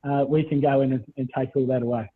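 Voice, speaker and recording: A middle-aged Australian buyers agent for property gives a conversational webinar presentation over a video call. He speaks fast, in a steady, medium-pitched tone, and the audio is thin and phone-like.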